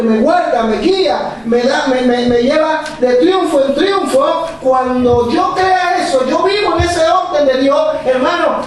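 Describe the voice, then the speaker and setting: A man's voice: extremely high pitch, far from the mic, a little hiss or hum. Man preaching in an echoey church. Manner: animated, repetitive, laughing as he preaches. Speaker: pastor. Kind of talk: sermon. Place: church hall.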